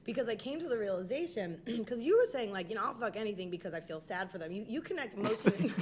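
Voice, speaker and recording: A woman's voice: mid-range voice, lively intonation, fast talker, a crowd in the background. A young woman co-hosting a podcast, chatting candidly and swearing casually. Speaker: podcast co-host. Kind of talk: casual chat.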